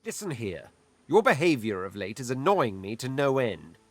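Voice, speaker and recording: An actor playing a vain, imperious aristocrat in a video game, pompous and scolding. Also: male voice, medium pitch, very animated, normal speed, soft background music. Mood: indignant.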